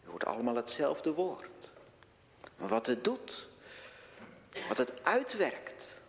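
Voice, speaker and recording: A man preaching a sermon in a church, slow and deliberate, posing rhetorical questions to his congregation. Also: on the high side, very animated, gravelly. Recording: long reverb of a church hall.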